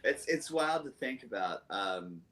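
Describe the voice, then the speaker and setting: A man's voice: mid-range voice, animated, unhurried, a bit bright. A young man from the Southern United States, a musician guest chatting in an interview, rambling fondly with many fillers and restarts. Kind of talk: casual interview chat.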